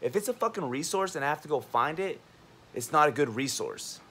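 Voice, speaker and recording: A man's voice: fairly high pitch, brisk, slight background noise. A young man, a college student and army veteran, ranting bluntly and profanely in a heated vlog monologue. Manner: animated, acts out others' lines.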